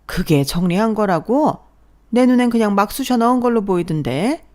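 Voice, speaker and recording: A woman's voice: mid-range voice, expressive, normal speed, a little mellow, voice pushed up, lightly acted. A woman voicing a sarcastic, nagging older mother-in-law in a spoken drama story, scolding and sniping.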